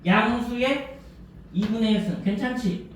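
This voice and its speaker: A male teacher lectures a class, constantly firing short check questions at his students. His voice sits high for a man. He is caught from a distance in a strongly echoing classroom. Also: unhurried, slight background noise. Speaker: math teacher.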